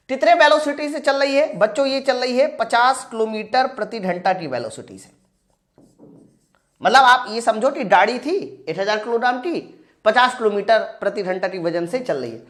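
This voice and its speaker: In this exam-prep session, the male physics teacher addresses students directly and solves problems aloud, answering the very questions he asks. His voice sits high and has a fairly bright tone.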